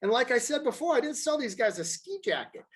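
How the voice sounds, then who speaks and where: A man's voice: very high-pitched, very animated, brisk. A man who works as a mortgage advisor, chatting on a podcast in an emphatic style and repeating himself for stress. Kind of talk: casual podcast chat.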